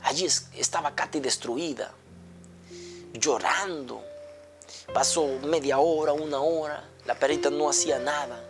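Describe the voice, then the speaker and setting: A man's voice: fairly high pitch, measured pace, soft background music. A male pastor preaching a sermon with a repetitive cadence that builds into a fervent appeal.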